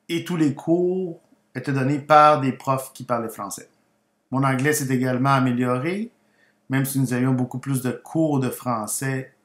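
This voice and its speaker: This channel host and language teacher, a native Spanish speaker who left Guatemala for Quebec, Canada aged ten, narrates his own story slowly and deliberately for teaching. The roomy recording makes his mid-range, fairly bright voice echo.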